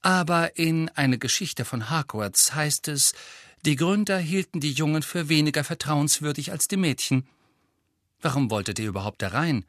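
A man voicing a bright, bossy teenage girl who explains rules with firm certainty. The voice is lifted from a plain reading voice and recorded dry and close, like a storybook narration. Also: on the high side, animated, moderate pace, dry recording, voice pushed up. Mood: explaining. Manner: know-it-all, firm.

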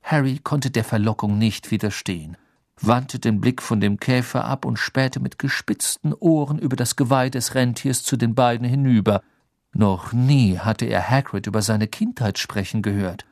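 A man reading a fantasy novel aloud as narrator, with expressive storytelling. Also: medium pitch, moderate pace, dry recording, studio quality. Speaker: audiobook narrator. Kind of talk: scripted narration.

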